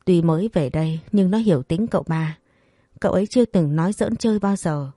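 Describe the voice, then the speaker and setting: A woman narrating a story aloud in a smooth, even reading voice. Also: lowish voice, brisk, no echo, studio quality.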